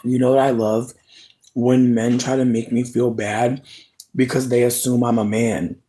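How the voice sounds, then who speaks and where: While munching on snacks, a streamer chats casually with their audience in an unhurried, medium-pitched voice. The tone is sassy and expressive, heavy on the swearing.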